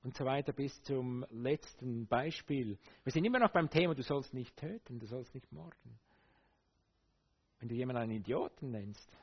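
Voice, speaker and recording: Husky preacher. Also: male voice, medium pitch, lo-fi sound. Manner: conversational, animated, many fillers, direct address to listeners. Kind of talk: sermon.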